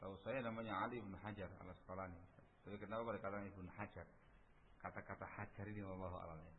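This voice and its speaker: A man teaching a religious study lesson with a husky voice, emphatic and repeating key phrases. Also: low voice, steady tone, very fast, a little hiss or hum. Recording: phone-like radio stream with long reverb.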